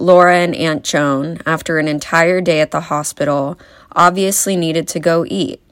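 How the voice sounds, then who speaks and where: A young woman giving a eulogy for her grandmother, telling stories with wry, gentle humor. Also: deep voice, dry recording, clean studio sound. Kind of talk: eulogy speech.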